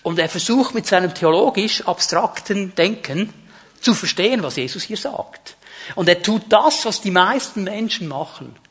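A man's voice: sits high, animated, moderate pace, a bit bright, husky. A man preaching a sermon to his congregation, emphatic and repeating key words, speaking to the listeners directly. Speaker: pastor.

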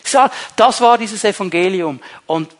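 A man's voice: high-pitched, moderate pace, fairly bright tone. A man preaching a sermon to a congregation, emphatic and repeating key phrases. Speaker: pastor. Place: church.

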